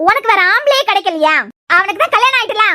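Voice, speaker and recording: A woman playing a shrill, scornful scolding aunt. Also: expressive, fast, exaggerated voice. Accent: Kanyakumari Tamil. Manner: shouting, scornful. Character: fierce middle-aged aunt, scolding and domineering. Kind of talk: cartoon voice acting.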